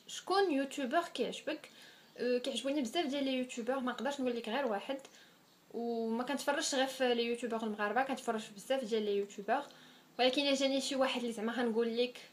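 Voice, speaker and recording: A woman in her twenties with a Moroccan accent, chatting casually as a vlogger answering viewers' questions and slipping French words into her speech. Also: high-pitched. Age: 20s. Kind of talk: casual Q&A vlog.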